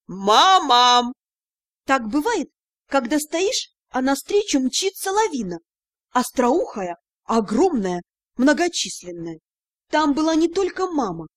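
A woman narrating a fantasy story in first person, lively and switching into voices for each character. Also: on the high side, no echo, studio quality. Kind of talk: scripted audiobook narration.

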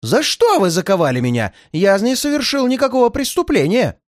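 A sly, cowardly crook from a detective storybook, drawling his threats slowly and breaking into high cries, as a reader plays him. His pitch wanders over a very wide range, recorded dry and close. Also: very animated, no room sound, lightly acted. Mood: panicked. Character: sly male criminal clerk, cowardly then brazen.

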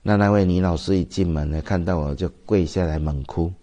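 A man's voice: sits low, steady tone, a little fast, warm tone, dull audio. A man with a Taiwanese Mandarin accent, a Buddhist master giving a dharma talk, telling stories and asking the audience rhetorical questions.

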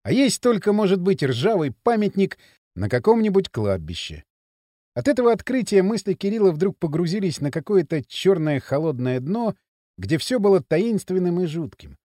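A male audiobook narrator with a high, very lively voice that rises and falls expressively. His storytelling is scripted and vivid, and the recording is close and completely dry. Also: moderate pace, no room sound.

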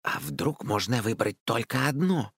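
A man's voice: on the low side, big pitch swings, measured pace, breathy edge, dry recording, clean studio sound, exaggerated voice. A man voicing a feisty little girl who mutters and grumbles. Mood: grumpy.

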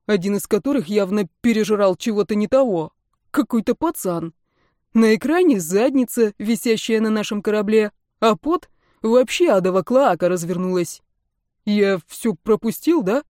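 A woman's voice: medium pitch, animated, normal speed, warm tone, no room sound, clean studio sound, close to an everyday voice. A woman reading an audiobook, voicing a groggy young man who has just woken up and grumbles in confusion. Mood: puzzled.

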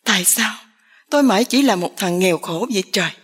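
A woman voicing a poor young village man, agitated and despairing, in a breathy voice. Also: medium pitch, moderate pace, close to an everyday voice. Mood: anguished.

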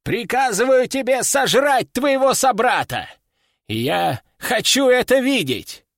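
A man's voice: very high voice, very animated, unhurried, no echo, voice pushed up, heavily acted. A domineering old sorcerer barks orders and threats at his students and at a demon, as a man voices him for an audiobook. His voice rises and falls sharply as he commands. It is recorded close and dry. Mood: commanding. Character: stern old male sorcerer teacher, domineering. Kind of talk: audiobook character voice.

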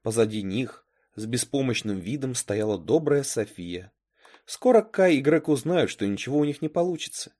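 A man narrating a storybook chapter with expressive, dramatic delivery. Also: medium pitch, moderate pace. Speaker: story reader.

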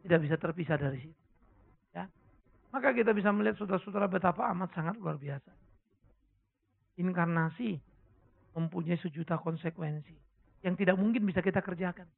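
A man preaching a sermon, asking the congregation questions and breaking into sudden loud cries. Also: high voice, brisk, gravelly, pauses often. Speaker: pastor. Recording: tinny phone-like lo-fi sermon recording.

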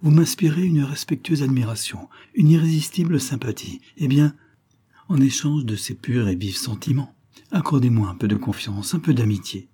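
A man voicing an ardent, emphatic young male suitor in a storybook reading, a little higher than his own voice. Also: normal speed, mellow, husky, natural voice. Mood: pleading. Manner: emphatic, pleading.

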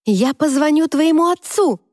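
A woman's voice: fairly high pitch, moderate pace, darkish tone, dry recording, studio quality, voice pushed up, close to an everyday voice. A woman voicing a defiant young woman who speaks in raised, indignant outbursts. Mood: furious.

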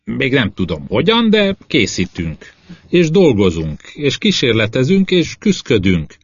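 A man's voice: medium pitch, huge pitch swings, slightly rough, dry recording, pitched above the performer's own voice, exaggerated voice. A man voicing a stubborn, insistent male ship doctor in an audiobook. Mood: determined. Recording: slightly dull lo-fi audio.

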